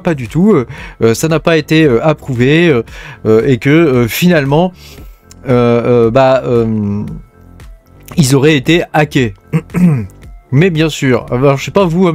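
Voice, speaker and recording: A man's voice: medium pitch, darkish tone. Chatty French man, hesitant delivery. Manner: chatty, hesitant, frequent fillers. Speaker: crypto mining channel host. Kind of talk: casual news commentary.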